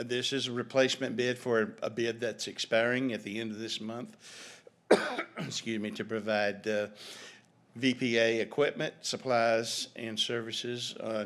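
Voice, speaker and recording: A man, a district administrator, explaining agenda items at a board meeting in a measured, businesslike way. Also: fairly low pitch, level tone, fairly bright tone.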